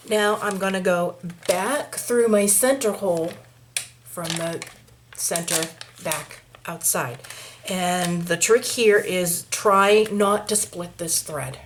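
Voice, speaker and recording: Lower-voiced Maine woman teaching a craft. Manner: chatty, talks through each step, mutters asides to herself. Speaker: craft tutorial host. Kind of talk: hands-on craft tutorial. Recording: noisy home recording with clicks.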